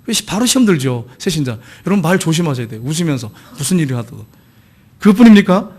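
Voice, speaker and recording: A man's voice: a little high, fast, slightly rough. A middle-aged man preaching a sermon as pastor, acting out the voices of church members he tells about. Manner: lively preaching, acts out quoted church members.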